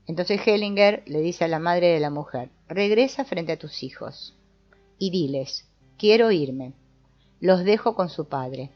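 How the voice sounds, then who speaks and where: In a fairly low voice, a woman delivers scripted narration at a calm, measured pace. The voice-over is dull and lo-fi, with soft guitar music behind it.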